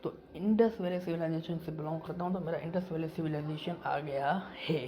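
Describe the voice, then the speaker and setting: A man's voice: on the high side, steady tone, brisk, noisy background. A man from Pakistan, talking casually to camera as a YouTuber, emphatic and repeating himself. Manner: repetitive and emphatic, circles back to the same points. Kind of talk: casual vlog monologue.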